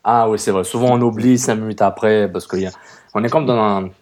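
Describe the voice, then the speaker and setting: A man with a Québécois French accent co-hosting a casual sports podcast, lively and jokey, with many hesitations. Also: lowish voice, brisk. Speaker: podcast co-host.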